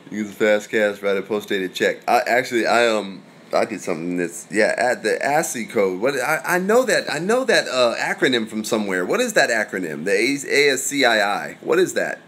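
A young man hosting a casual livestream, reading viewer comments aloud and answering in a profane, rambling way, swinging between loud and mumbled. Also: on the low side, expressive, normal speed. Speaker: livestream host.

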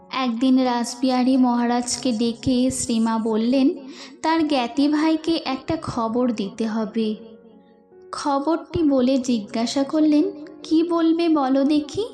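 Woman narrator, high voice, unhurried devotional reading, soft music underneath. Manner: slow, earnest, emphatic reading. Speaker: devotional reader. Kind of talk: reading devotional stories aloud. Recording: faint music behind.

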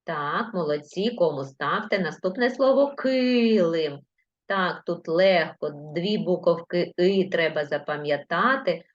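A woman teaching primary school children in a live online lesson, patiently dictating words slowly letter by letter. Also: fairly low pitch. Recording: lo-fi livestream audio.

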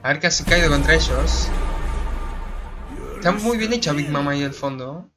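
A young Argentine man with a slightly high voice gives casual reaction commentary. He exclaims and repeats himself, with clear music playing behind him. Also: animated, moderate pace. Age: young adult. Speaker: reaction video host. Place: small room indoors. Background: music from the anime video.

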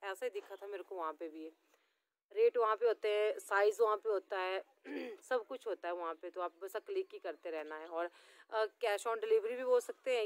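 A young vlogger from Himachal Pradesh, India, speaks with a Himachali Pahari accent in a medium-pitched voice. She chats casually and rambles to her viewers in a homely vlog with no room sound.

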